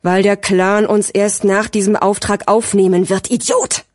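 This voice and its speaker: A woman's voice: high-pitched, sing-song, fairly quick, no echo, clean studio sound, pitched above the performer's own voice. A woman voicing a hot-headed fourteen-year-old boy gangster in an audiobook, snapping and bossy. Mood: angry. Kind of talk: audiobook character voice.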